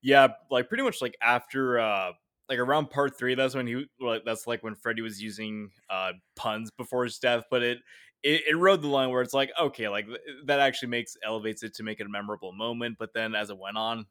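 A young man chatting casually about movies, animated and swearing often with laughs. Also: medium pitch, a little fast. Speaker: podcast co-host. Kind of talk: casual movie review chat.

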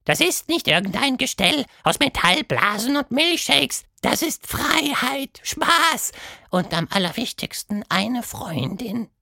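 A high, gravelly monster voice, proud and excitable. It swings widely in pitch and sounds bright and sharp, recorded dry and close for a children's audio story. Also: female voice, takes it slowly, dry recording, exaggerated voice. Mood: coaxing.

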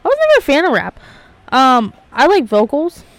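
A woman's voice: sits high, wildly swooping pitch, normal speed, no room sound. A woman co-hosting a casual podcast chat, matter-of-fact and outspoken about her tastes. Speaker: podcast co-host.

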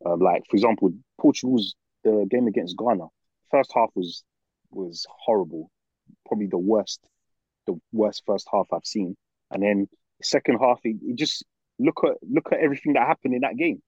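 A man's voice: fairly low pitch, normal speed, darkish tone, slightly rough, no room sound, lo-fi sound. A young man with a London roadman accent chatting casually about football as a podcast co-host, repeating phrases in stop-start slang. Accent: London, urban roadman slang.

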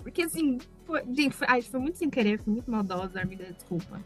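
A Brazilian woman co-hosting a casual podcast, telling a story with animated asides to her friends. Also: a little high, quick pace, soft background music. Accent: Brazilian Portuguese. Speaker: podcast co-host.

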